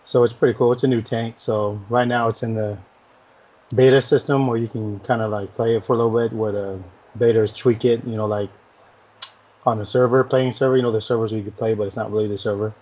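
A man's voice: medium pitch, level tone, brisk, darkish tone. Casual male co-host, slightly muffled audio. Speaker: podcast co-host. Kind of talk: casual chat. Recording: slightly dull, lo-fi podcast audio.

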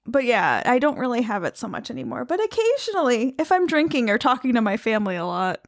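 Woman, faint upstate New York accent, podcast co-host, high pitch, playful, teasing, dry close sound. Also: sing-song, fast talker, dry recording. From New York capital region. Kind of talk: casual chat.

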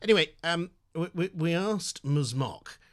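A man's voice: fairly high pitch, expressive, unhurried, a bit bright. A man co-hosting a casual podcast, rambling with many hesitations and fillers. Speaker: podcast co-host. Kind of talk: casual chat.

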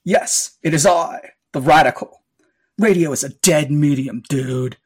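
Man putting on a surfer-dude villain, high voice, slangy drawl, over the top, comedy podcast skit. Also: unhurried, breathy edge. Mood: sneering. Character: surfer-dude villain who hates radio, young man.

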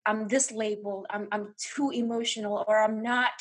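Earnest breathy woman from Indonesia. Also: medium pitch, level tone, normal speed. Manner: earnest, with frequent restarts and fillers. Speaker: guest. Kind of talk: candid interview conversation.

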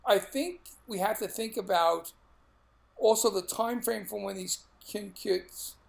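Male podcast co-host, Brooklyn accent, middle-aged, casual talk, raised pitch with plenty of fry. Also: a little slow. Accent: Brooklyn, New York.

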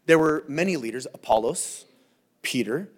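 A male pastor giving a verse-by-verse sermon in a relaxed, conversational way, reading scripture aloud with emphasis between folksy asides. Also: on the high side, moderate pace. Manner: frequent fillers and restarts, folksy asides.

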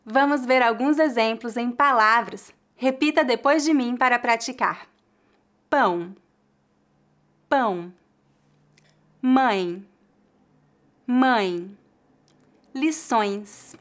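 A woman with a Brazilian accent teaching pronunciation, saying each model word twice slowly and clearly for learners to repeat. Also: sits high, a bit bright. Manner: slow, careful, clearly articulated model words. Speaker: Portuguese teacher. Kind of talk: pronunciation lesson, repeat-after-me drills.

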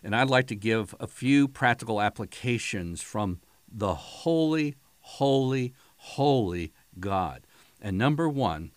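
A man preaching a sermon, with emphatic, dramatic swings in pitch and loudness. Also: no echo.

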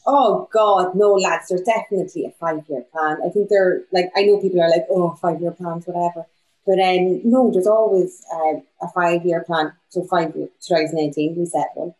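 A young woman speaks with a west of Ireland accent, her voice sitting slightly low for a woman. She talks informally and candidly, as in a relaxed conversational interview. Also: moderate pace, hardly any pauses, poor audio. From Donegal, Ireland. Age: young adult. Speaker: small business owner in film production. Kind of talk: casual conversational interview answers.

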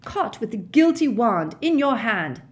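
A woman's voice: on the high side, very animated, normal speed, voice pushed up. A woman voicing a blustering middle-aged male wizard official who barks and growls his accusations. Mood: harsh accusing. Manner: barking, growling, loud accusations.

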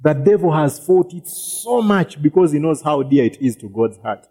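A man's voice: on the high side, animated, moderate pace, dark tone, husky. A man preaching a sermon as pastor, repeating words, often checking "you get it?" and acting out quoted voices.

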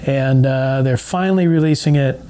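A man's voice: medium pitch, moderate pace, warm tone. A man presenting a podcast segment in a casual, chatty review style. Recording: faint background noise, room ambience.

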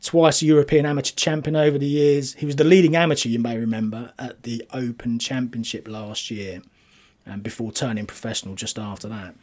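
Bloke doing golf commentary and betting tips, bit husky, chatty but analytical, medium pitch. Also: male voice, fairly even intonation, a little fast, darkish tone. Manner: analytical, running through statistics and results.

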